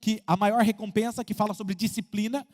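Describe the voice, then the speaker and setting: High-voiced pastor preaching in a hall. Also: male voice, fairly quick. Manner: animated preaching, acting out congregants' voices, swinging from loud to hushed. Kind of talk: sermon. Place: church auditorium.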